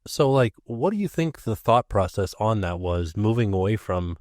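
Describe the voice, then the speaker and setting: A man hosting a podcast in relaxed casual chat, steering the conversation with prompts. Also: on the low side, moderate pace, no room sound, clean studio sound. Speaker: podcast host.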